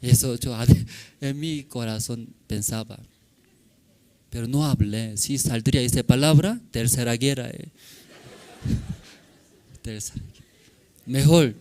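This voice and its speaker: A male pastor with a Korean accent, a native Korean speaker, telling a personal story in a sermon in simple broken Spanish, often checking in with tag questions. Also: medium pitch. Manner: animated, acts out shouting in the story.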